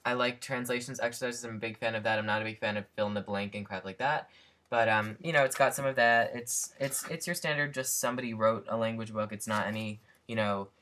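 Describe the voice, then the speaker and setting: Sitting at his desk, a young man reviews a language book for his vlog, recorded through his computer's built-in webcam mic. He talks fairly quickly in a lowish, sharp-toned voice, rambling casually with plenty of fillers and restarts.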